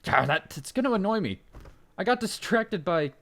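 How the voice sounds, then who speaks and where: A man casually commenting on his gameplay in a rambling way, full of fillers and self-interruptions, jumping up in pitch when excited. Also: normal speed. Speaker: let's play gamer.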